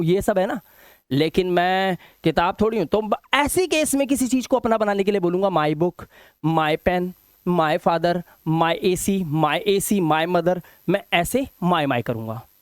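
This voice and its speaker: A male teacher explaining English grammar to viewers, speaking slowly and repeating words and spellings in a sing-song drill. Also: high voice, no echo, clean studio sound. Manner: explains slowly with repetition, addresses viewers directly; drills word lists in a slow, sing-song rhythm. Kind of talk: spoken English lesson in Hindi.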